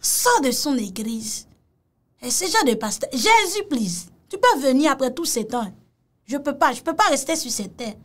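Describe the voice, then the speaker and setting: A woman's voice: high-pitched, expressive, normal speed. A woman giving casual reaction commentary on a video, mocking and exclamatory, repeating phrases.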